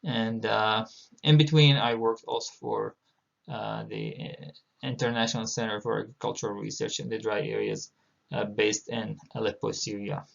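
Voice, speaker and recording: A middle-aged man from Palestine, a university instructor, giving a recorded online lecture in a measured way with many filler pauses. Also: fairly low pitch, level tone, gravelly. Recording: dull lo-fi audio.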